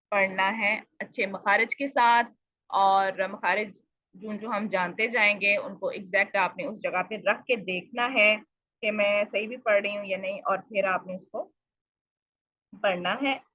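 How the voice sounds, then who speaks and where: A woman's voice: mid-range voice, fairly even intonation, measured pace, pushed and bright, dry recording, highs cut off. A woman teacher giving a Quran recitation lesson, explaining patiently and asking questions she answers herself. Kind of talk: online tajweed lesson.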